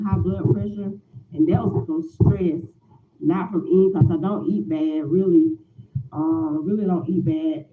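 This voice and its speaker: A lifestyle vlogger in her forties chats casually with viewers in the morning, rambling and repeating herself with lots of filler words. Her fairly low voice sounds roomy, and the audio is narrow and tinny over a noisy background.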